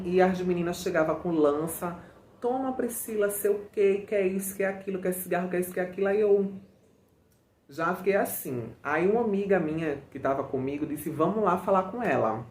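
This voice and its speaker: A woman vlogger telling a personal story to her viewers in a chatty, expressive way, often calling out to them and using slang. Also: low-pitched. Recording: roomy echo.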